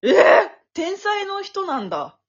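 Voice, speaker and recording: Young woman, high voice, loud, hyper, mock-formal emcee, comedy podcast co-host. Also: very animated, unhurried. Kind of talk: casual comedic podcast chat. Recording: lo-fi, muffled audio.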